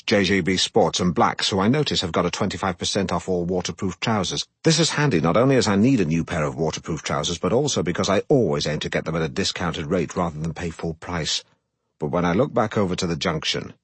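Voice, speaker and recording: A middle-aged man narrating a comic first-person audiobook with a deadpan, self-important delivery. His voice sits low and a little husky, and it is recorded close and dry in a studio. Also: fairly quick, no echo.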